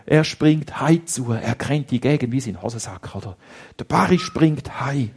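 A husky-voiced man with a Swiss German accent narrates a children's story at moderate pace and medium pitch. He keeps it lively, then drops his voice low for the tense parts.

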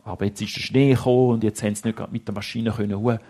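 Husky Swiss German man telling a story. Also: on the low side, racing. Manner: lively, animated, drops to hushed tones for suspense. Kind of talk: storytelling to children.

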